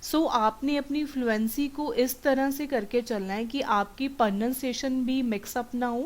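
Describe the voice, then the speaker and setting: A woman's voice: a little high, darkish tone. A woman coaching students for an English test, explaining step by step as she switches between Hindi and English. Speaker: PTE exam coach. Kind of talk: teaching a test-prep lesson.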